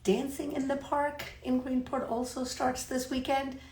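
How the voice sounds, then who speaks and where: A high-pitched woman chatting casually as co-host of a live stream. She talks in a rambling, friendly way, often restarting her sentences. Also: flat delivery, unhurried, darkish tone, low-quality recording. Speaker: co-host of a live talk show. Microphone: phone.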